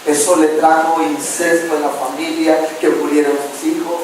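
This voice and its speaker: A man preaches with fervor, his pitch climbing high as he drives his points home. He is picked up from a distance in a very reverberant church hall, with a faint hiss underneath. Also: little pitch movement, normal speed, a little mellow. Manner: impassioned preaching, acts out quoted voices. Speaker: pastor. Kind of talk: sermon.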